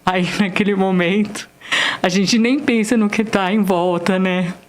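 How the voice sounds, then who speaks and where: A woman with a Brazilian Portuguese accent tells a personal faith testimony on a church podcast, speaking earnestly and acting out the dialogue. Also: medium pitch. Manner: earnest, emotional storytelling that re-enacts dialogue, slowing down on key words. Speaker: guest sharing a testimony.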